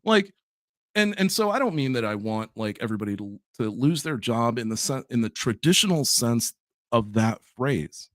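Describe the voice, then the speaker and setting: A man's voice: medium pitch, animated, normal speed, fairly bright tone, no echo, studio quality. A man co-hosting a podcast, speaking in casual chat with emphatic, opinionated delivery. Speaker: podcast co-host.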